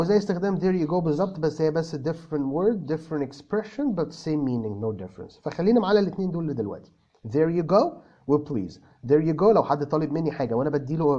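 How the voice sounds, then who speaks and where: Egyptian male English teacher, casual Q&A, quick high voice, dull lo-fi sound. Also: dark tone. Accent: Egyptian Arabic. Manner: answers viewers by name, switching between Arabic and English phrases. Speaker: English teacher answering viewer comments. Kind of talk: casual chat. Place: in a car.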